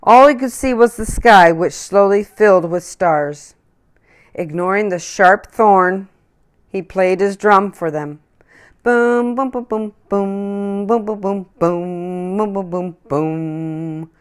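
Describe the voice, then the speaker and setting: A woman's smooth, mid-range voice reads a children's picture book at a slow pace, full of expressive storytelling.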